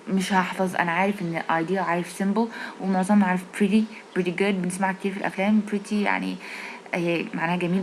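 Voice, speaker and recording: A woman with an Egyptian Arabic accent teaching English in a casual video lesson, repeating English phrases slowly to explain them. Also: mid-range voice, slight background noise, poor audio.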